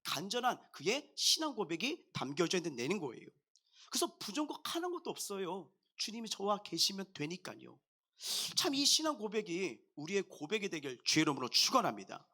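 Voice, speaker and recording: A man preaching a sermon as pastor, talking straight to his congregation in a jovial, animated way. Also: high voice, brisk. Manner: addresses the congregation directly.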